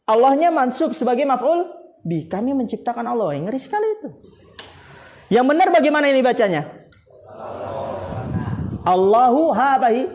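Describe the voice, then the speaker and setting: Give me a high-pitched Indonesian man teaching a lively grammar lesson and calling on students. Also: quick pace, a little hiss or hum. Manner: lively, quizzes students and laughs often. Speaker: Islamic boarding school teacher. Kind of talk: classroom Arabic grammar lesson.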